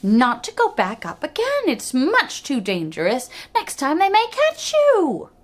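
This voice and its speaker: A woman voicing a worried mother in a fairy tale, high and scolding. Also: huge pitch swings, unhurried, heavily acted.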